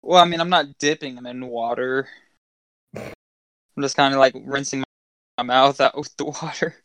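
A man chatting on a podcast, crude and quick to laugh, pausing to chew between lines. His voice sits at an ordinary pitch. The sound is dry and close, with no room in it. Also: fairly even intonation, a bit bright, dry recording, low-quality recording. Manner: crude, joking, laughs a lot. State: eating while talking. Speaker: podcast co-host. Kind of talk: casual chat.

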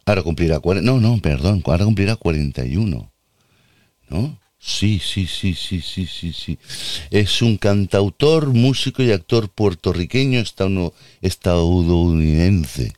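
A man's voice: sits low, animated, measured pace, a little mellow, dry recording. A man hosting casual commentary on music videos, joking and rambling in asides. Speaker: host reacting to music videos.

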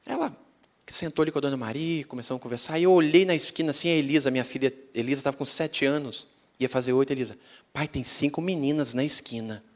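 A male pastor with a Brazilian Portuguese accent tells a story in a sermon, animated and acting out the dialogue. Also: medium pitch, quick pace.

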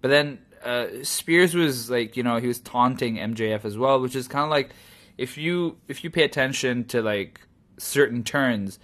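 A man giving a casual solo review of a wrestling show, rambling and animated, often swearing and laughing as he recaps. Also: mid-range voice, normal speed.

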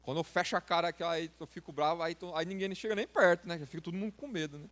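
Brazilian man preaching with slang, high voice. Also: fast, a bit bright. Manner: informal, slangy, direct address to listeners. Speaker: youth preacher. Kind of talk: sermon.

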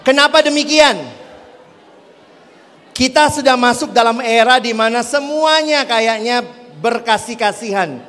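A man with a strikingly high voice gives a playful, joking talk to a hall of teenagers, often turning to the audience with questions. His voice carries a long hall reverb, with the sound of a large room full of listeners. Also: measured pace, pauses often, a bit bright. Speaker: youth speaker.

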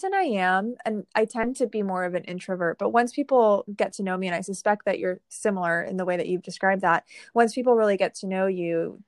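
A woman hosting an interview, who affirms her guest warmly and asks measured questions. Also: lowish voice, no echo, clean studio sound. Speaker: interview host. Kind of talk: casual interview conversation.

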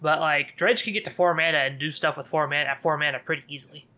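A man with a bright, forceful voice talks casually on a podcast, pitched a little higher than most men. He leans into sarcasm and laughs often. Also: steady tone, quick pace. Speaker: podcast co-host. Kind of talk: casual card game chat.

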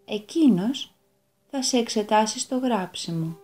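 Woman playing a serious little holy boy teacher, soft and slow, lively pitch. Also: soft background music, natural voice. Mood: kindly. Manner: soft, slow and calmly authoritative.

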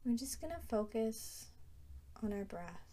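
A woman leads a guided meditation, speaking very slowly and softly. Her voice is warm and mellow, and she leaves long, calm pauses between phrases. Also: on the high side. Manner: slow, soft and soothing, with long pauses.

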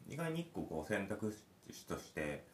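A man's voice: fairly low pitch, very animated, moderate pace, slight background noise. A man who is a parent, telling a rambling story with many fillers in casual podcast chat. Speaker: podcast host. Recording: roomy echo.

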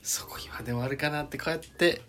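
A man's voice: a little high, fairly even intonation, quick pace, a bit bright, in a whisper. Reflective man in his thirties. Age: 30s. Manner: reflective storytelling with self-corrections. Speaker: podcast guest. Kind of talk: casual group chat.

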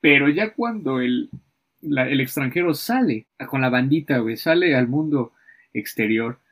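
Slangy Mexican guy, husky voice. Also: medium pitch, animated, normal speed, a bit bright. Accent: Mexican Spanish. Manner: slangy, playful, laughs a lot. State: hungover. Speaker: podcast co-host. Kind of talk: casual chat.

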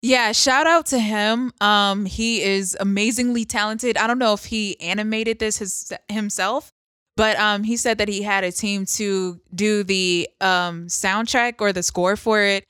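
A woman's voice: mid-range voice, fairly even intonation, measured pace, clear, resonant tone, no room sound, studio quality. Enthusiastic young woman podcast co-host. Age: 20s. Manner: enthusiastic, teasing, trails off quietly. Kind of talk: casual chat.

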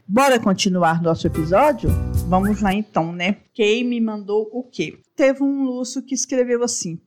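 A woman with a Brazilian Portuguese accent hosting a casual solo podcast, chatty and expressive, talking straight to her listeners. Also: fairly high pitch. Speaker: podcast host.

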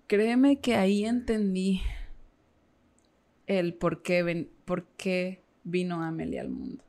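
A woman's voice: fairly low pitch, slow pace, vocal fry, darkish tone. A woman, a podcast guest telling a personal story with feeling and many fillers. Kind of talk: casual interview chat.

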